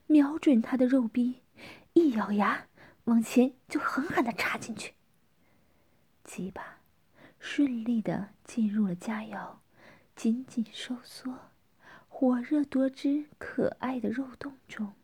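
A woman narrates an adult audio story in a soft, unvoiced whisper. Her delivery is quiet and intimate, steady from line to line. The voice sits high for a woman even under the hush. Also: husky.

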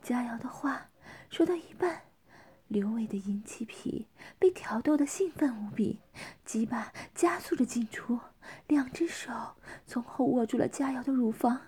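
A woman narrating an erotic audio story in a soft, hushed whisper. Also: fairly high pitch, animated, moderate pace, slightly rough.

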